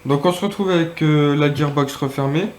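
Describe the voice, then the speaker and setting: A man's voice: fairly high pitch, slight background noise. Hesitant man demonstrating gear. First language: French. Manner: hesitant, many pauses and fillers. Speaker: product reviewer. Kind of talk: casual product demonstration.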